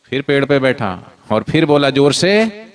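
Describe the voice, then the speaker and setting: A man telling a devotional story to children, animated, with frequent call-and-response prompts. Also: medium pitch, unhurried, very noisy. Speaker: spiritual storyteller.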